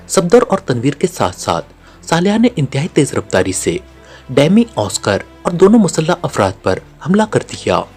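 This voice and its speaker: A man's voice: medium pitch, darkish tone, breathy edge. A man narrating a spy novel as an audiobook, reading the story and voicing each character's lines himself.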